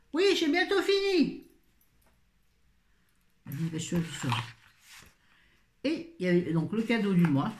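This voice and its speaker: A woman with a low, mellow voice chats casually through a beauty product haul as a vlogger, dropping wry asides and plenty of fillers. The room has an echo.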